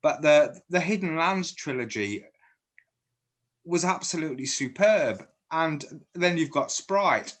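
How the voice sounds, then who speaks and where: In a relaxed video chat, a Guernsey man acts as interviewer, frequently restarting sentences. He speaks British English mixing Channel Islands and South Yorkshire, with a fairly high, bright, expressive voice and an unhurried pace.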